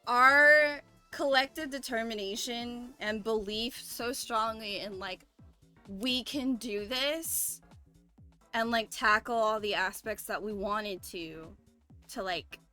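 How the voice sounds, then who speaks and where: A young woman with a bright, fairly high voice shares things casually on a group stream. She sounds earnest and reflective as she talks, with music playing faintly behind her. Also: slow pace. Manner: earnest, reflective storytelling with frequent 'like'. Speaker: member of a streamer group of artists. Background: background music.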